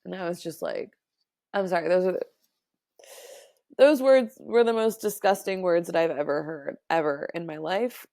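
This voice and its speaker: A woman with a lowish, gravelly voice hosts a casual podcast monologue. She retells a story with sarcasm and animation, scattering fillers and little laughs. The sound is close and dry. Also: moderate pace, long pauses, darkish tone, no room sound. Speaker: podcast host.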